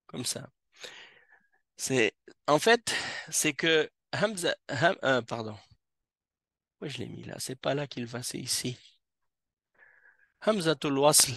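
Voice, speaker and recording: A man teaching Arabic grammar to a class, explaining slowly with frequent hesitations. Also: medium pitch, expressive, gravelly, fairly bright tone, no echo, clean studio sound. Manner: slow, hesitant explaining with many fillers. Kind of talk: classroom lesson. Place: mosque classroom.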